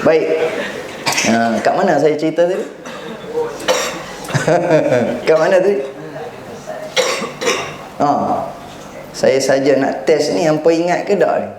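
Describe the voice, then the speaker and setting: A man's voice: on the high side, slow, long pauses. A middle-aged man giving a humorous religious talk as a preacher. He jokes and keeps asking his listeners questions. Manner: jokey, asks the audience questions. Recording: echoey hall with faint background noise.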